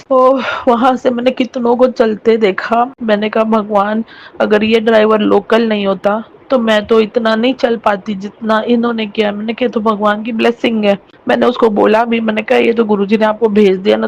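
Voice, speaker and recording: A woman's voice: medium pitch, darkish tone, dull audio. A woman sharing a personal devotional testimony in a casual, emotional and rambling way, acting out the dialogue as she goes. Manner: emotional, rambling, with many restarts and quoted dialogue.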